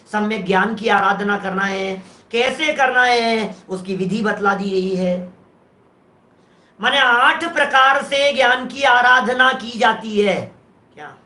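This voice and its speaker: A Jain preacher delivers a sermon in a very high, bright, forceful voice, with reverb around him. He works through a verse phrase by phrase and puts rhetorical questions to his listeners.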